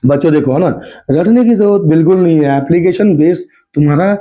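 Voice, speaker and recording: A man teaching a school math lesson, his throat slightly hoarse, who keeps coaxing the class and asking whether they understood. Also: on the high side, fairly quick. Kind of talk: Hindi math lesson at a whiteboard. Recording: dull lo-fi recording.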